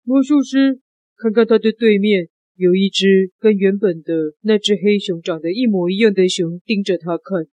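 A woman telling an improvised children's story with a child, taking turns in a lively and playful way. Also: medium pitch, moderate pace, dry recording, muffled recording.

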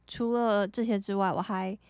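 A young woman from Taiwan with a Taiwanese Mandarin accent, hosting a podcast and telling stories casually, chatty and animated, laughing often. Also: medium pitch, moderate pace, gravelly, no room sound, clean studio sound. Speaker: podcast host. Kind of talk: casual storytelling monologue.

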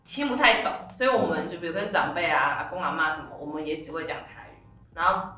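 A woman's voice: low voice, fast talker, bright, forceful tone. A woman from southern Taiwan chatting casually in Taiwanese-accented Mandarin, a native speaker of Taiwanese Hokkien. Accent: Taiwanese Mandarin with a southern Taiwanese lilt. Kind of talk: casual chat. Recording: roomy echo, faint music.

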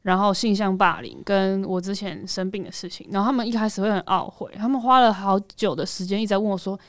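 一位台湾口音的年轻女性播客主持人，在闲聊中生动地讲述自己的故事，还会模仿家人的语气。. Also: female voice, mid-range voice, fast, dry recording. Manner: animated storytelling, acts out family quotes. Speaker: podcast co-host. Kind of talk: casual chat.

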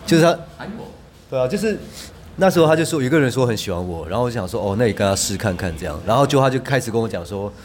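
A man, a podcast guest telling rambling, animated anecdotes with frequent restarts. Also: medium pitch, very fast, slight background noise. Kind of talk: casual storytelling chat.

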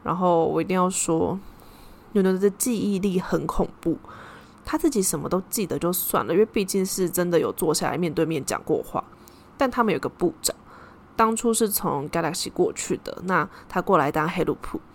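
A young woman hosts her podcast alone, her plain as she tells a story. Her voice sits slightly low for a woman, and she talks in a loose, chatty way, slipping Japanese words in as she goes. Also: brisk, slight background noise. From Taiwan. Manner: chatty, sprinkles in Japanese terms. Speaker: podcast host. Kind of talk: casual solo storytelling.

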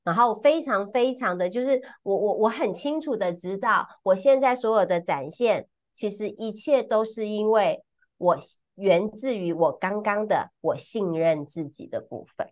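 A woman co-hosting a podcast, explaining ideas in an expressive, conversational way and often repeating words as she goes. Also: medium pitch, moderate pace. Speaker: podcast co-host and teacher.

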